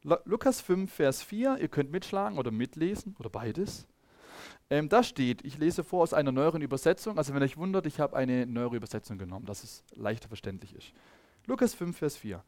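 A man delivers a sermon, his voice a touch high and swinging widely in pitch as he rouses the congregation. He talks casually, asks them to answer, and stops now and then to find his notes. The sound is dry and close. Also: fairly quick, no echo. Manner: lively, calls on congregation, loses track of notes. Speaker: preacher.

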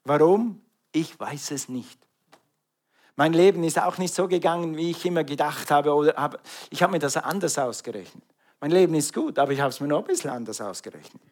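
Speaking briskly and at a fairly high pitch, this middle-aged man from Switzerland preaches a lively sermon in a Swiss German accent and calls out to the congregation.

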